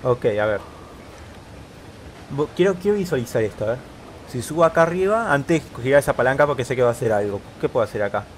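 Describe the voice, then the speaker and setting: A man commenting on his gameplay in a relaxed, thinking-aloud way, at a middle pitch. He repeats short words in quick bursts when things get hectic. Faint noise sits under his voice. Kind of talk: casual let's-play commentary.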